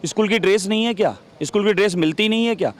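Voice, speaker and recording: A man's voice: sits high, quick pace. A man giving a heated interview as a legislator, combative, repeating rhetorical questions.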